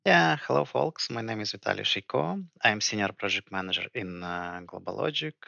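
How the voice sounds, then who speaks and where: A man's voice: on the low side, animated, a little fast, creaky, sharp tone, dry recording. A man introducing himself in a podcast interview, hesitant and full of fillers. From Ukraine. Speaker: senior project manager. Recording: dry, dull lo-fi mic.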